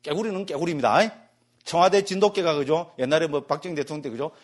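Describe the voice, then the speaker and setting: A man, a Buddhist monk, giving a jokey, animated lecture and keeps asking the class "right?". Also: a little high, quick pace. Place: meditation center lecture hall.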